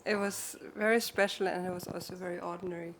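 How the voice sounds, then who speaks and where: A woman's voice: on the low side, steady tone, fast, fairly bright tone, a little hiss or hum. A female musician guest speaking reflectively in a casual interview, often adding "you know".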